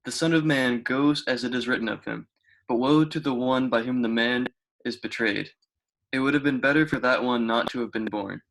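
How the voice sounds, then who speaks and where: A man's voice: mid-range voice, normal speed, gravelly, a bit bright, poor audio. Man reading as solemn Jesus, mid-range voice. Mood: grave. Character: Jesus, solemn male teacher foretelling his fate. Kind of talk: amateur dramatized scripture reading.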